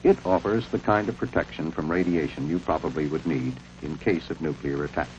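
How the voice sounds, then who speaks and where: An American man narrating a scripted 1950s civil defense film in a measured, authoritative, instructional manner. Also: extremely low pitch, a little mellow. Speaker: documentary narrator. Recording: muffled, noisy vintage film soundtrack.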